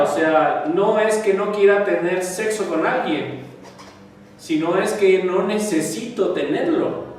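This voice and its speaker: A man's voice: high voice, a little hiss or hum. Dynamic man teaching in an echoey hall. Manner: dynamic, swings from loud emphasis to quiet asides. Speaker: spiritual teacher. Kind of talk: spiritual talk. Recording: echoey hall, mic far off.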